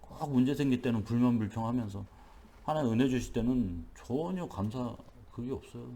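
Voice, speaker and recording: A man's voice: mid-range voice, animated, fairly quick, mellow. A man preaching a dawn worship sermon as pastor in a church, talking in an emphatic, repetitive, conversational way.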